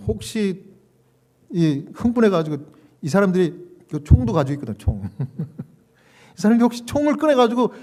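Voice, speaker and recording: A middle-aged male pastor telling a story in a sermon, animated, laughing and acting out quoted dialogue. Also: very high voice.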